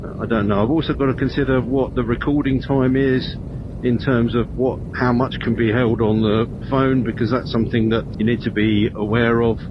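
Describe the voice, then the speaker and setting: A man chatting casually and rambling as he rides, his voice muffled and boxed in inside a helmet. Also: mid-range voice. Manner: rambling, thinking aloud. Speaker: motorcycle vlogger. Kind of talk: casual motovlog chat while riding. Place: inside a motorcycle helmet, riding outdoors on country roads. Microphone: helmet intercom microphone. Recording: muffled helmet intercom, loud wind and engine noise.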